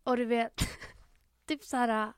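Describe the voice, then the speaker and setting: A young Swedish-speaking woman co-hosts a podcast, animatedly telling a story in casual chat and acting out the quotes. Her voice is slightly high with a level, clear, resonant tone, recorded at studio quality with no echo.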